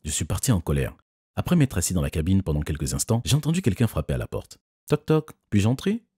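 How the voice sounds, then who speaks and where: A man doing scripted first-person narration of an animated story. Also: low-pitched, fast, slightly rough, no room sound, studio quality.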